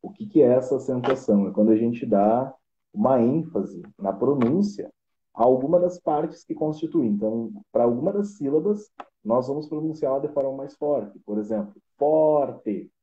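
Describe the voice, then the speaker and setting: Man, Portuguese teacher, very dark mellow tone, roomy lo-fi stream sound, patient step-by-step explainer. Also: medium pitch, animated, moderate pace. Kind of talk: casual explanatory lesson. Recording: roomy, dull lo-fi live stream audio.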